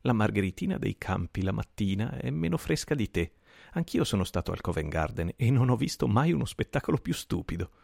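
A man's voice: lowish voice, very animated, brisk, vocal fry, a little mellow, husky, dry recording, studio quality, exaggerated voice. A man voicing a cheerful, cordial young male Oxford student who talks in a breezy, affectionate, teasing way.

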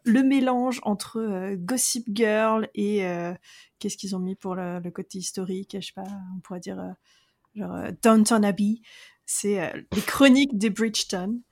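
A woman co-hosting a podcast chats about a new series in an easygoing way. She pauses often with hesitant fillers. Her voice sits at a middle pitch for a woman. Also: fairly even intonation, a little mellow. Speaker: podcast co-host. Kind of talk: casual chat.

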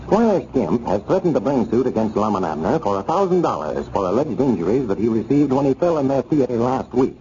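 A man's voice: mid-range voice, very animated, brisk, few pauses, mellow, slight background noise. A man announcing an old radio show and reading its commercial in an upbeat, salesy way, heard as an old radio broadcast. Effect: old radio broadcast sound. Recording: dull, lo-fi old radio recording.

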